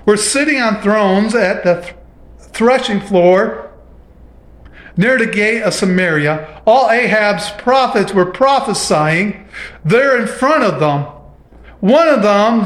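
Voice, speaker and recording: A man's voice: high-pitched, fairly bright tone, roomy sound. A man preaching a sermon who reads scripture aloud and stops to explain it in his own words.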